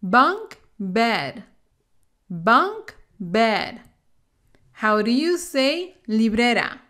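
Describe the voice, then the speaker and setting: A woman leads a bilingual vocabulary lesson at a very slow, deliberate pace. Her voice sits a little high, and she pronounces each word carefully before she repeats it. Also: very animated, a bit bright. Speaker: English teacher.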